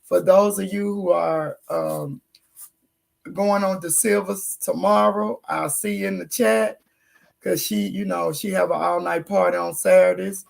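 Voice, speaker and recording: Woman, livestream host, hoarse, gravelly fry, casual chat. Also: lowish voice, fairly even intonation, measured pace. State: hoarse, losing her voice.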